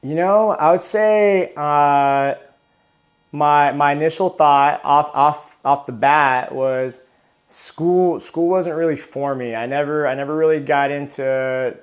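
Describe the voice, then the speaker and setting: Speaking at medium pitch with a flat delivery, this thirty-something interview guest, a retired Marine from Southern California, talks in a casual interview. He is halting, with frequent restarts and repeated words.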